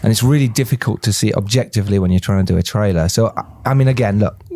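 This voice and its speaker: Mellow low co-host. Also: male voice, dry recording, clean studio sound. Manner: agreeable, quick backchannels. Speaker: podcast co-host. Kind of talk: casual podcast conversation.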